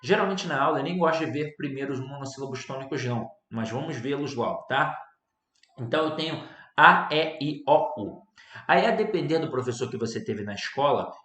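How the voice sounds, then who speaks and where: Brazilian man teaching grammar, echoey room. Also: medium pitch. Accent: Brazilian Portuguese. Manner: lively, stresses words loudly to show syllables. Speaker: Portuguese teacher. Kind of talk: online grammar lesson. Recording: roomy echo.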